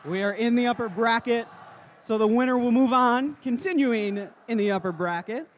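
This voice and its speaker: High-voiced male competition MC. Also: moderate pace, a little hiss or hum. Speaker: robotics event MC. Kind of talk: live event announcing. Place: large competition venue.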